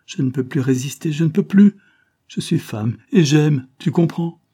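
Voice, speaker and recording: An anguished young woman pleading with her lover, as a male audiobook reader puts her on. Her voice climbs high and urgent, with a mellow, slightly husky grain. She sounds impassioned and devoted. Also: lively intonation, moderate pace. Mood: sobbing, devoted. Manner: pleading, impassioned, rising in pitch. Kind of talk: audiobook character reading.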